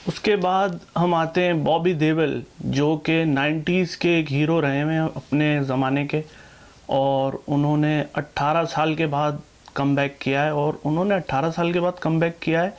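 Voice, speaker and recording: Chatty male film reviewer, slightly high voice. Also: a little mellow. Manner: conversational, rhetorical asides addressing viewers. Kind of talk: casual film review chat.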